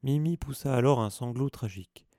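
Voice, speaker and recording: A man narrating an audiobook in an even storytelling voice. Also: mid-range voice, fairly quick, no room sound, clean studio sound. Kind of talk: scripted narration.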